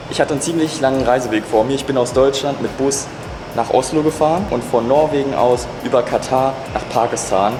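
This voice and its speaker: A man vlogging his travels outdoors in a city, upbeat and excited, piling on intensifiers as he talks to his camera. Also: medium pitch, echoey room. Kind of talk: casual travel vlog.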